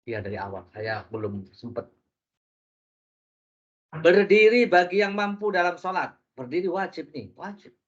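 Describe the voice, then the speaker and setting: A man preaches to a class. His voice sits somewhat high and bounces with humor as he quizzes the room. The recording is dull and lo-fi. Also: measured pace, long pauses. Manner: lively, jokey, asks the audience questions. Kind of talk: interactive religious lesson.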